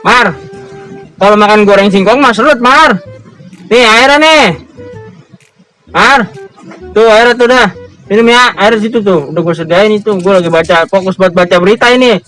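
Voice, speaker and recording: A fussy young Betawi man, as an actor plays him, insistent and exclaiming, who keeps calling his friend's name. His voice sits very high for a man. Faint music plays behind him. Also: moderate pace, pauses often, sharp tone, poor audio. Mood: fretful. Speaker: actor in a comedy skit. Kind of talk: amateur comedy short film.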